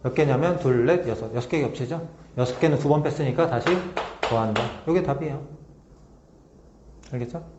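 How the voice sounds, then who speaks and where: A man teaching a math lesson step by step, often pausing to check that students follow. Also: mid-range voice. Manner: talks through steps slowly, checking in with tag questions. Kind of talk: whiteboard lesson walkthrough. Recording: roomy, slightly dull recording with faint noise.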